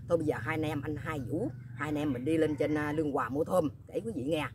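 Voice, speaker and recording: A woman vlogger with a deep, steady voice tells rambling stories to her viewers at a fast clip, over a noisy background. It's a chatty, casual vlog, and she often asks them, "you know what?"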